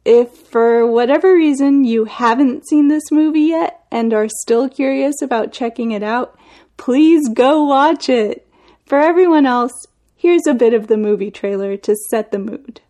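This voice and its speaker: A woman co-hosting a podcast, reading an upbeat, clearly delivered intro. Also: high voice, a little slow, dark tone. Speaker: podcast co-host.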